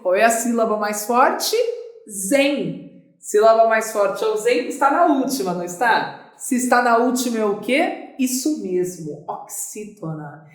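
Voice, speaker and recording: A Brazilian woman teaches an online grammar lesson as a Portuguese teacher, chatting along and posing questions she then answers herself. Her voice is a little high and expressive, with a measured pace. The room sounds echoey.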